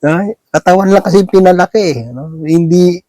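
A man preaching in a relaxed, chatty way, with a somewhat high voice recorded close and dry. He keeps checking in with his listeners through quick tag questions and slips English words into his speech. He chuckles now and then between points. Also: dry recording. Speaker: lay preacher. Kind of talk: conversational sermon.

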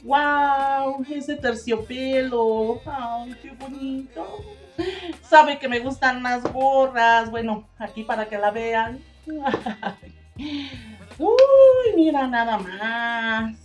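Middle-aged woman, slow unhurried delivery, slightly high voice, excitable unboxing chat. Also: soft background music. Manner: emotional, chatty, exclaiming. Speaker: vlogger. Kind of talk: casual unboxing vlog.

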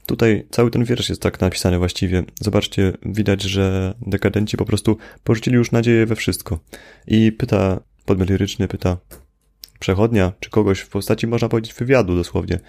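A man's voice: on the low side, steady tone, brisk, gravelly, darkish tone. A young man casually explaining a poem in an informal literature lesson, hesitating often as he talks. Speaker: poetry explainer.

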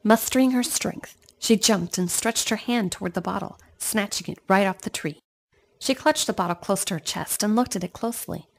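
A woman reading a children's storybook aloud in an expressive storytelling manner, speaking to young listeners. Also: medium pitch, moderate pace, vocal fry. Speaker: storybook reader.

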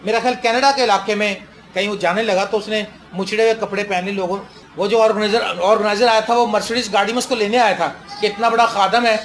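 A man's voice: high voice, fairly even intonation, a bit bright, slight background noise. A male pastor delivering a fervent sermon, swinging between stern warnings and joking stories.

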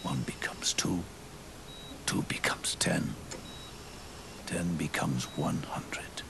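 In a video game cutscene, an older male actor whispers as an aging, weary, scarred soldier, grave and reflective, his deep, gravelly, breathy growl moving slowly, haltingly and solemnly. The performance is heavily acted and the mood solemn and philosophical, with orchestral music behind him.

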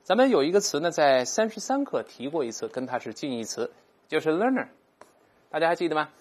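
An English teacher, giving a recorded vocabulary lesson and explaining patiently, repeating each English word slowly aloud for learners. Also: medium pitch, very animated, a little mellow.

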